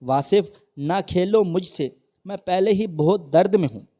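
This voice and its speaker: A man's voice: sits high, a little slow, mellow, pitched above the performer's own voice. A man voicing a battered, grieving young wife who pleads through tears, in a read-aloud story. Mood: pleading. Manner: pleading, tearful.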